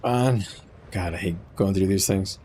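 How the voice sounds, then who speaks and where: A man's voice: sits low, measured pace, mellow, slight background noise. A man giving casual gameplay commentary as a streamer, informal and slangy, thinking aloud as he goes. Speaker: gaming streamer.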